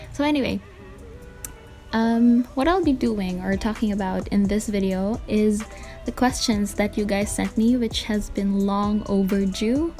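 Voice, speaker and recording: Mellow Filipino woman, dictaphone-recorded podcast. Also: a little high. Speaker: podcast and vlog host. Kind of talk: casual solo podcast Q&A. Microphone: handheld voice recorder, dictaphone. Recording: voice recorder with music behind. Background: music.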